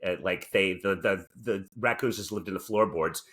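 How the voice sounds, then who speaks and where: A man with a low-pitched, slightly bright voice co-hosts a talk show at normal speed. The talk is casual comedic banter and reading from articles, spiced with theatrical, mock-indignant remarks.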